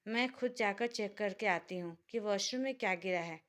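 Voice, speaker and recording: A woman voicing an excitable, scolding young woman friend in a spoken story. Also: mid-range voice, moderate pace, lightly acted. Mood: excited, scolding. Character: irritable young wife's friend, dramatic woman.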